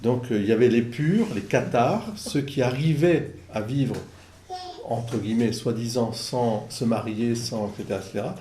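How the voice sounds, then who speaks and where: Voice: medium pitch, normal speed, mellow, echoey room, a little hiss or hum. A priest commenting in a casual discussion, reflective and hesitant with repeated words. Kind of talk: conversational commentary.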